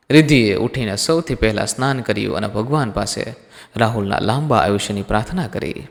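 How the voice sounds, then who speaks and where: Man, emotional story narration, dramatic, gravelly, long reverb. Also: mid-range voice. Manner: dramatic, addresses listeners as friends.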